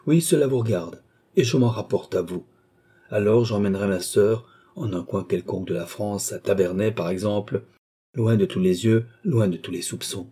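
A man's voice: on the low side, normal speed, mellow, husky. A man voicing a proud, vengeful young nobleman in a novel reading, speaking with vehement indignation. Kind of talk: audiobook character voice.

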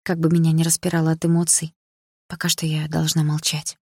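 A woman's voice: deep voice, completely flat delivery, a little fast, warm tone, slightly rough, no echo, studio quality. A woman narrating a first-person romance novel in an intimate, emotional way. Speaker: audiobook narrator.

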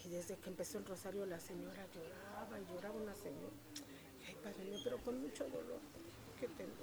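A woman's voice: medium pitch, brisk, gravelly. Chatty woman, crowd behind. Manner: chatty, lively, devout storytelling. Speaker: interviewee, local shop owner. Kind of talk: casual storytelling interview. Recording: street crowd noise behind.

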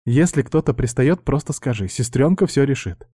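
A man's voice: mid-range voice, expressive, moderate pace, dark tone, husky, no room sound, studio quality, voice pushed up. A man voicing a cheerful young woman, a playful older sister on the phone, in an audiobook reading. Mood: sweet.

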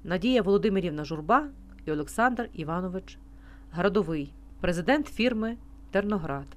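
A woman narrating a novel as an audiobook reader in an even, expressive storytelling manner. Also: lowish voice, a little fast. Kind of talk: scripted narration.

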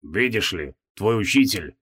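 A man reading an audiobook, voicing a weary, sardonic male demon prisoner in a low, subdued drawl. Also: animated, unhurried, a bit bright, breathy edge, exaggerated voice.

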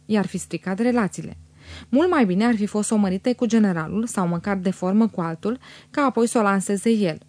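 A woman reads a classic novel aloud in a measured, even storytelling voice. Her pitch sits in the middle range, and the recording is dry and close, with no room sound. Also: no echo. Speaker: audiobook narrator. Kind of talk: literary audiobook narration.

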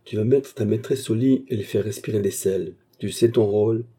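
A cold, scheming aristocrat, played by a male narrator who gives orders with quiet menace. His voice is very dark and husky, and it sits low. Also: normal speed. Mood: menacing. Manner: coolly commanding.

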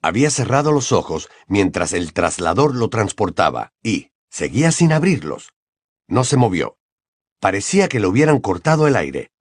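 Expressive male audiobook narrator. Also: fairly low pitch, husky, no room sound, clean studio sound. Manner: expressive, dramatic reading. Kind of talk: scripted narration.

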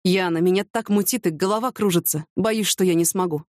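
A woman's voice: lowish voice, a little fast, darkish tone, no echo, clean studio sound, natural voice. Woman voicing a weary, jealous police major. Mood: pleading. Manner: complaining, exasperated. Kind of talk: audiobook character reading.

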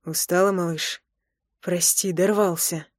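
A woman's voice: lowish voice, steady tone, a little slow, no echo, studio quality. A woman voicing a playful young husband who teases his wife with an amused drawl in an audiobook. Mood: teasing. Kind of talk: audiobook character voice.

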